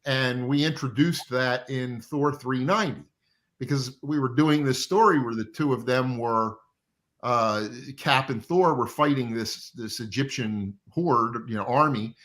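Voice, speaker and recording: In a laid-back interview, a comic book artist who is middle-aged or older reminisces about his career through meandering stories. He speaks at an unhurried pace in a mid-range voice with a fairly bright tone.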